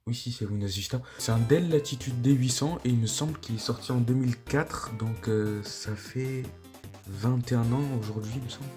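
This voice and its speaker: A man's voice: mid-range voice, normal speed, a little mellow, faint music behind. A man casually narrating a tech vlog, laid-back, with lots of hesitations and mild swearing, on a cheap microphone. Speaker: tech YouTuber.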